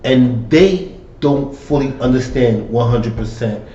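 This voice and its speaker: A man's voice: medium pitch, lively intonation, slow pace, dark tone. A man co-hosting a casual podcast, blunt and opinionated, often laughing. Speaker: podcast co-host. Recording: echoey room, dull lo-fi sound.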